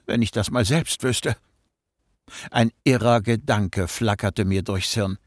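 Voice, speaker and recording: A man narrating an audiobook in a measured storytelling manner, close to the mic. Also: lowish voice, fairly even intonation, no room sound. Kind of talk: scripted narration.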